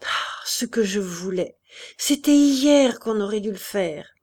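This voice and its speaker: A woman voicing an old, feverish, wounded colonel who speaks in a halting, trembling way. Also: mid-range voice, expressive, darkish tone. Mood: anguished. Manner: broken, halting, trembling speech.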